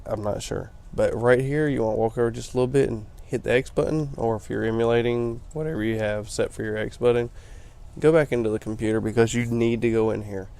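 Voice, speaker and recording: Gravelly, tired let's-play guy. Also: medium pitch, fairly even intonation, fast, a little mellow. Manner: rambling, explanatory, chatty. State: tired, yawning late at night. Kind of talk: casual gameplay commentary.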